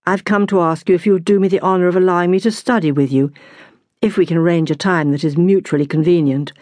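Audiobook: polite, eager young British officer, read by a woman, courteous and formal, low pitch, dry studio. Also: fairly even intonation, fast talker, a little mellow, no room sound, natural voice.

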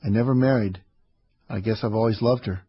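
A husky-voiced man voicing an old man who begs gently and eagerly, on a slightly muffled audiobook recording. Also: fairly low pitch, brisk. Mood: pleading. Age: older. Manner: eager, begging.

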